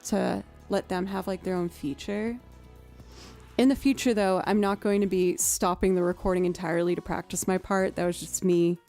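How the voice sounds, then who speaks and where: During a relaxed livestream, a young streamer and musician muses aloud in a chatty way, peppering her speech with "um" and "like." She has a soft, warm, naturally low voice, and faint music plays beneath her.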